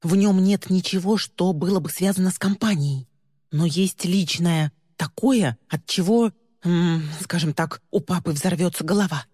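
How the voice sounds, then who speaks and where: An audiobook reader voicing an emotional, impulsive teenage girl who speaks up excitedly. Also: medium pitch, normal speed, husky, long reverb tail, pitched above the performer's own voice, close to an everyday voice. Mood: excitable.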